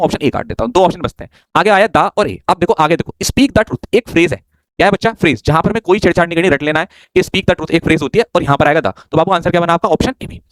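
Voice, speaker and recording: A man's voice: high-pitched, no echo. A man teaching an online exam-prep grammar class in a chatty way, joking with and scolding his students, speaking English.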